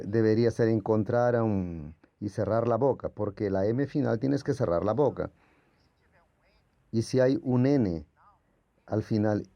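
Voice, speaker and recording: A man's voice: fairly low pitch, gravelly, no room sound, highs cut off. A man whose first language is Portuguese gives a patient, explanatory lecture as a Greek language teacher, sounding out letters as he goes. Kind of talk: classroom lecture.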